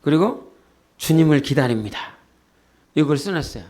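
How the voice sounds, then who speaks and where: A man preaching a sermon as pastor, talking directly to his congregation and leading them in shouted declarations. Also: a little high, expressive, normal speed. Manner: often asks the congregation "예?" and talks to them directly. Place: church sanctuary.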